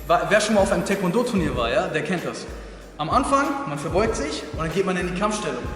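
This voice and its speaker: With music behind him and heavy echo from the hall, a man clowns through boisterous fake instruction for a martial arts video shot in a dojo. His high-sitting voice is very animated, quick and a bit bright.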